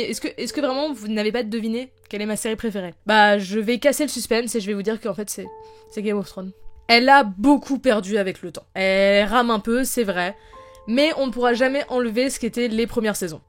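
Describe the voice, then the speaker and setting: A woman YouTuber talking casually and with passion about her favorite series, repeating and restarting her words. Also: fairly high pitch. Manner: enthusiastic and opinionated, with frequent restarts. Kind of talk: casual video review.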